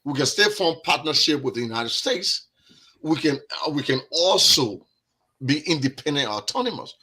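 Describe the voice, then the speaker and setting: A man's voice: on the high side, sing-song, normal speed, sharp tone, husky. A man with a Liberian accent, a guest on a discussion podcast, talking earnestly and repeating words as he builds his point.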